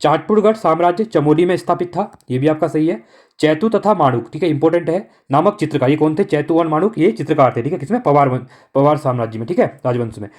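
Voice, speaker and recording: A fast-talking man running an exam-prep lesson, his voice sitting a little high for a man. He works through the answers briskly and keeps checking in with the students. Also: darkish tone. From Uttarakhand. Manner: brisk, repeats "okay" constantly, coaching tone.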